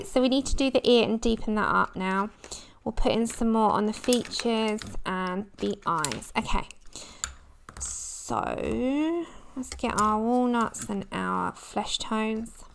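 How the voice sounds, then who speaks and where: A woman's voice: a little high, slow pace, gravelly, a little hiss or hum. A woman chatting casually and rambling as she hosts a craft livestream, breaking off to talk to viewers. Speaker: livestream host. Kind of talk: casual craft livestream chat while colouring.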